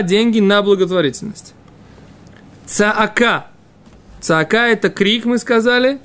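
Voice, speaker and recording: High-pitched man teaching a religious text. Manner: explains in fragments, often adds checking questions. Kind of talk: informal Talmud lesson, reading and explaining.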